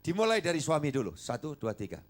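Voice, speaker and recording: An older man preaching a sermon, animated and coaxing the congregation to respond. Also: on the high side, quick pace. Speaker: pastor. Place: church service.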